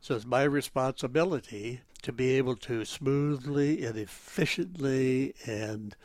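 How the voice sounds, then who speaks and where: An elderly man, a retired military veteran, reminiscing in an interview in a rambling, halting way as he searches for details. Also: medium pitch, a little mellow, no echo. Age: elderly, 80s or older. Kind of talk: oral history interview, reminiscing.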